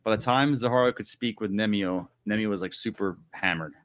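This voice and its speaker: A man co-hosting a podcast, recapping a book in rambling casual chat full of "like" and "you know". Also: lowish voice. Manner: rambling, many "like"s and "you know"s, quick acted quotes. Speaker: podcast co-host.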